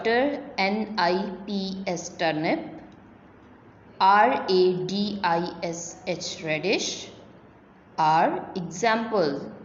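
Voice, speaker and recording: A woman teacher talks very slowly to young children and spells each word out letter by letter. Her voice rings in a small room with a long echo. The recording sounds dull and carries a faint hum. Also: mid-range voice. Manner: slow, spelling words letter by letter.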